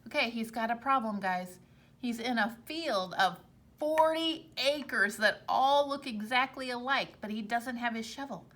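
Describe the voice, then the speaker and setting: A woman with a fairly bright voice on the high side reads a children's storybook aloud in a teacherly way. She puts expression into it and pauses to explain things to the kids listening.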